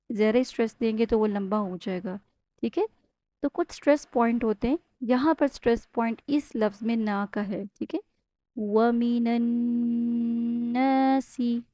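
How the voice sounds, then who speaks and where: A woman from Pakistan, teaching Quran recitation step by step. She explains patiently, often checks in with the learner, and slowly chants Arabic words as models. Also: a little high, mellow, dry recording. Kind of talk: step-by-step Tajweed lesson.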